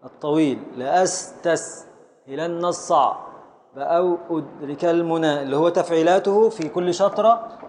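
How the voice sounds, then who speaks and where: A man with an Egyptian accent teaching a class on poetic meter, calling on students and slowly sounding out syllables. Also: a little high, a little mellow, a little hiss or hum. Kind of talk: Arabic prosody class.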